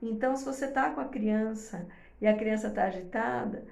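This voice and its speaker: A woman's voice: fairly high pitch, moderate pace, gravelly, darkish tone. A woman talking casually to mothers, explaining step by step and checking in often with her listeners. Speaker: host giving advice to mothers. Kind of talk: casual advice talk to viewers. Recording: echoey room.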